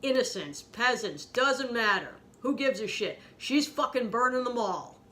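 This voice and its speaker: A woman ranting angrily and sarcastically, swearing freely, her voice jumping up high when she gets outraged. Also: animated, a little slow, a bit bright, a little hiss or hum. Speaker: podcast host ranting about a TV episode. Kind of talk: angry profane rant.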